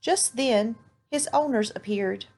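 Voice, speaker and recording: Brief: female storyteller, slightly high voice, clear and expressive read-aloud for kids. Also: slow.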